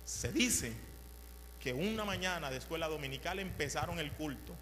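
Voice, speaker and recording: Male preacher, story-sermon; slightly high voice, reverberant hall with faint hum. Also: fast talker. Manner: animated, repetitive, swings from hushed to loud.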